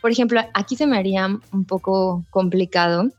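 A woman's voice: mid-range voice, normal speed, a little mellow, dry recording, soft background music. A woman co-hosting a podcast, thinking aloud in casual chat. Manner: thinks aloud with many fillers and restarts. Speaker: podcast co-host. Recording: dry, slightly muffled sound.

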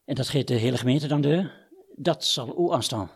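A man's voice: mid-range voice, moderate pace, breathy edge. A man with a Twente Dutch accent, speaking as the interviewer in a conversational interview.

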